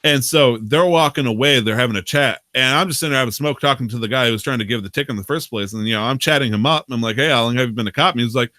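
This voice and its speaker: A man's voice: mid-range voice, very fast, few pauses, pushed and bright, no echo, clean studio sound. A man hosting a podcast, casually telling a long, profane, rambling story about his roleplay game character, laughing often. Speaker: podcast host.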